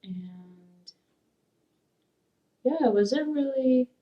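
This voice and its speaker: Speaking extremely slowly in a high-pitched voice with lively intonation, a young woman from Peru raised in Sacramento rambles hesitantly through oral history questions, using many fillers. The community college student sits in a dark studio, far from the mic, on a muffled recording.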